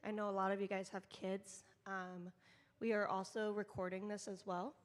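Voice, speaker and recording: A woman's voice: mid-range voice, level tone, moderate pace. Ministry leader type, woman briefing volunteers in a conversational way, with a long hall echo. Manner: informal and conversational, addressing a group. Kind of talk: leading a volunteer training session. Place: church meeting room.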